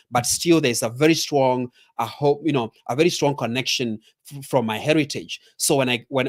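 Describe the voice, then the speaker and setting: A middle-aged Kenyan man with a Kenyan accent and an average pitch gives a motivational training talk as a leadership coach. He emphasizes and repeats his main points while addressing the listener directly.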